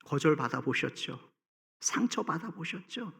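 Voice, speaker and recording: An impassioned male pastor preaches with a high, bright and forceful voice, pressing his point with rhetorical questions. The reverberant church hall rings with a long echo. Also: expressive, normal speed, vocal fry. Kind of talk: sermon. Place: church sanctuary.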